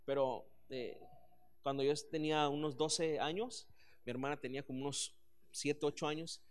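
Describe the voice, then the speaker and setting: A man, preaching a sermon as pastor, earnest and animated with frequent restarts. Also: fairly high pitch, normal speed, smooth.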